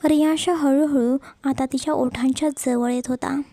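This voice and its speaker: High-voiced woman narrating a love story. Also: steady tone, normal speed, warm tone, dry recording.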